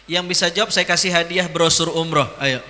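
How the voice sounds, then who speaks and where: A man preaching a lively sermon to a live audience, teasing them with jokes and quizzing them with questions. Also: on the high side, brisk. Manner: jokey and teasing, quizzing the crowd. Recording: long hall reverb.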